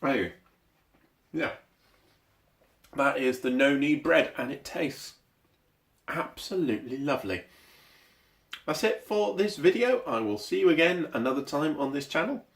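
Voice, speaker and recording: A man's voice: fairly high pitch, expressive, a little slow, vocal fry, pauses often. A man chatting casually in a home cooking vlog, self-deprecating and talking while he eats. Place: home kitchen. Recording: roomy kitchen echo.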